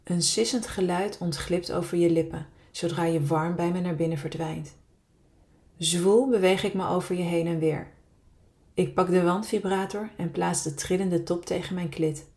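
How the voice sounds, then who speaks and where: A woman reading her own erotic story aloud in the first person, in a slow, sultry, intimate way. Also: on the low side, steady tone, a little mellow.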